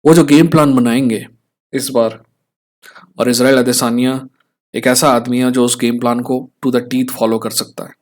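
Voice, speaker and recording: A man's voice: mid-range voice, fairly even intonation, moderate pace, a little mellow. Indian man explaining fights casually. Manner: conversational, tag questions to viewers. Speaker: fight analyst host.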